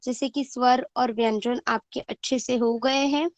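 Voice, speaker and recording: Slow, careful woman teacher drilling words. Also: on the high side, fairly even intonation, dry recording. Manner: slow, clear syllable-by-syllable word drilling; asks the class questions and answers them herself. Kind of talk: online Hindi class for first graders.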